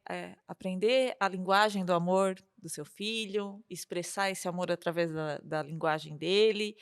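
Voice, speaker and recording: A woman hosts an interview with a mid-range voice. She leads her guests through questions in a friendly, easygoing way. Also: mid-range voice. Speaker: host.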